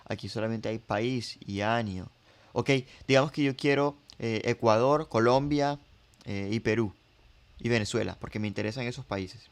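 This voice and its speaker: A man's voice: medium pitch, normal speed. A man teaching a coding tutorial over his screen, explaining each step, repeating phrases and thinking aloud with fillers. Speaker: R programming instructor.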